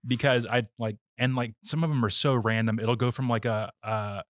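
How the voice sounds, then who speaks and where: A man's voice: medium pitch, steady tone, moderate pace, dry recording. Male podcast host, easygoing rambler with self-deprecating jokes, dry close sound. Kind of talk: casual chat.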